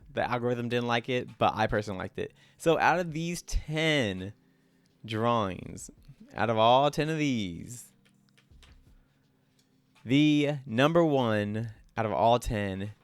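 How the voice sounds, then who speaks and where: Young man, casual art vlog chat, rambling, self-critical, smooth clear voice, dry close sound. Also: medium pitch, slow pace, no room sound. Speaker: artist and channel host. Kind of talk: casual commentary on own drawings.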